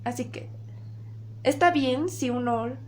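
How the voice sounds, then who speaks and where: A young woman giving a class presentation on public speaking, often pausing and correcting herself as she searches for words. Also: high voice, darkish tone, a little hiss or hum. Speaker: student presenter.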